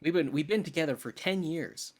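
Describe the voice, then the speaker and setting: A man's voice: on the high side, fairly quick. A man in his thirties co-hosting a film podcast, teasing his friend in casual chat. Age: 30s. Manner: teasing, animated, jokey. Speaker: podcast co-host.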